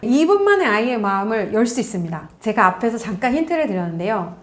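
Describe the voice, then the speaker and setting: A woman counselor lecturing parents on how to talk with their children, in a fairly high voice. She explains each step plainly and acts out the mother's and the child's lines as she goes. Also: sing-song, quick pace.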